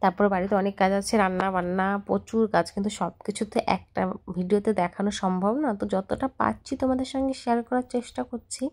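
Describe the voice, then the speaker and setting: A young woman talking fast and freely in a home vlog voice-over. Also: medium pitch, fairly even intonation, a little mellow. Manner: fast, chatty, talks a lot. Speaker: vlogger. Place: home, voice recorded later as voice-over.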